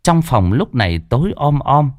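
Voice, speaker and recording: Animated storyteller man. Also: medium pitch, normal speed, dry recording, studio quality. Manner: dramatic, animated voice acting. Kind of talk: ghost story narration.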